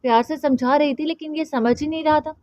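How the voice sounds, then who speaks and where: A woman's voice: sits high, steady tone, a little fast, warm tone, no echo, dull audio, voice pushed up, natural voice. A woman voicing a young mother who loses her temper with her son, scolding sharply. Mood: angry.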